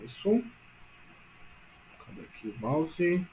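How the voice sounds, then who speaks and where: Higher-voiced man teaching a grammar lesson. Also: very animated, mellow, a little hiss or hum. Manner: repetitive, filler-heavy explaining with frequent tag questions; stretches key words slowly for emphasis.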